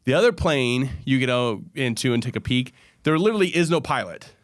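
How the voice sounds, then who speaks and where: A man hosting a finance radio talk show, explaining things in an animated, folksy way with quick asides. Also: mid-range voice, no echo, studio quality.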